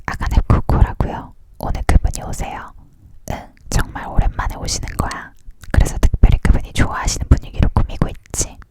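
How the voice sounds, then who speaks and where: A person reading a story aloud in a close, leaning-in ASMR whisper, narrating and voicing dialogue entirely without full voice.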